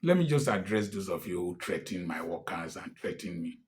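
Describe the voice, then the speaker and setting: With a low-pitched, expressive voice and a slightly fast delivery, a man in his sixties speaks as a commentator in a Nigerian accent. His political address is impassioned, emphatic and defiant, climbing into angry outbursts.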